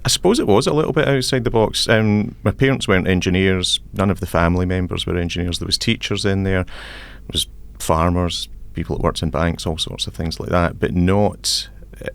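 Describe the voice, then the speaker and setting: A man in his forties with a Scottish accent, answering interview questions about his engineering career in a measured, reflective way. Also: deep voice, gravelly. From Scotland. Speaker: civil engineer guest. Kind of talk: podcast interview.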